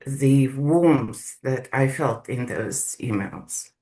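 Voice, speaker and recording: A man from South Africa sharing his experience in a group video call, speaking slowly and haltingly as he searches for words. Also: medium pitch, a little mellow, poor audio. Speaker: course participant.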